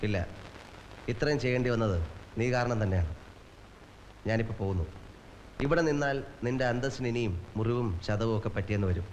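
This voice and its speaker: A man's voice: a little mellow, big-room sound, slight background noise, close to an everyday voice, rough recording. A man playing a stern, menacing elder brother. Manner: low, firm, measured warnings. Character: stern protective elder brother, calm and threatening. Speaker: lead actor in a crime drama film.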